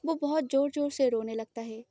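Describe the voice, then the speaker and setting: A woman narrating a romantic audio story in a plain, steady storytelling voice. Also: high-pitched, a little fast, no room sound, studio quality.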